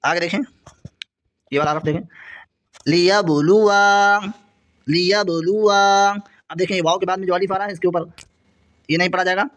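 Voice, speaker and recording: A man teaching Quran reading, drawing out each example word slowly and then explaining it quickly and repetitively. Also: sits high, steady tone, a bit bright. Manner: reads example words slowly and drawn out, then explains rapidly; repetitive, patient step-by-step pointing. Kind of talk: explaining a lesson.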